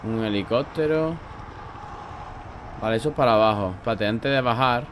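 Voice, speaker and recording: Excitable Spanish gamer man, sore throat. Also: mid-range voice, normal speed, a little hiss or hum. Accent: Spanish from Spain. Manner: excitable, swears a lot, bursts into loud shouts. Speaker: gaming YouTuber. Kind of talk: let's play commentary.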